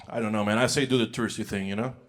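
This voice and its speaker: A young American man does stand-up on stage in a large music hall, his fairly low voice holding a steady tone while he races along. He tells stories loosely and conversationally, full of filler words and acted-out quotes.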